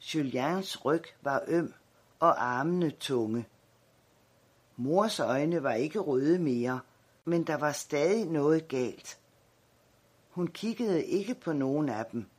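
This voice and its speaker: Husky male storyteller, slightly high voice, calm measured reading. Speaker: narrator. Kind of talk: audiobook narration.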